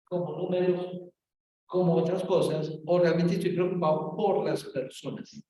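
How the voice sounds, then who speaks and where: Teaching pastor, male, fairly high voice, earnest storyteller, heard from across a very reverberant room. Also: fairly even intonation, moderate pace, mellow. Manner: earnest storytelling, acting out dialogue. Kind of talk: personal testimony in a teaching talk. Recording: very echoey room, mic far off.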